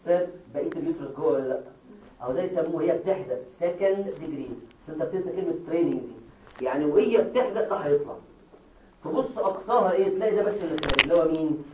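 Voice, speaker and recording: Fast-talking Egyptian lecturer in an echoey hall. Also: male voice, on the high side, expressive, warm tone, far from the mic, slight background noise. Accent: Egyptian Arabic. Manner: explains step by step, quizzing students with quick questions. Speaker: medical lecturer. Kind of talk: classroom lecture. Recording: echoey hall, taped from afar.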